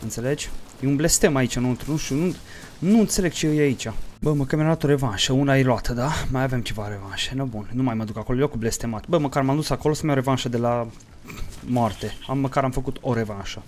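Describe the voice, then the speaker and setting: A hot-tempered gaming streamer, cursing freely and narrating his game to viewers. His voice sits at an ordinary middle pitch for a man, with a faint hiss behind him. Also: a little mellow. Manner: profane, hot-tempered outbursts between mumbled play-by-play; jokey mock-dramatic storytelling to viewers. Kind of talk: let's play commentary.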